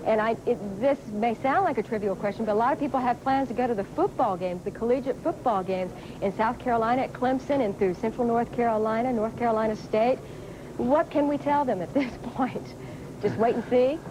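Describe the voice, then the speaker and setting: A woman's voice: on the high side, fairly quick, noisy background. A woman conducting a live news interview in a conversational broadcast style.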